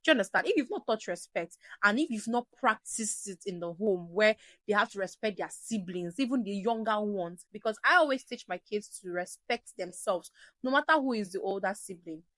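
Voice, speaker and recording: A woman hosting a parenting advice show, answering viewer questions in an animated way and acting out shouting parents. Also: medium pitch, brisk, no echo. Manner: animated, acts out shouting parents, drops to soft emphasis.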